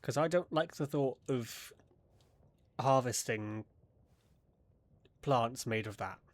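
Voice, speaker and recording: A man's voice: mid-range voice, slow, no room sound. Wry man chatting over a game. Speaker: game streamer. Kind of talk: casual let's-play commentary.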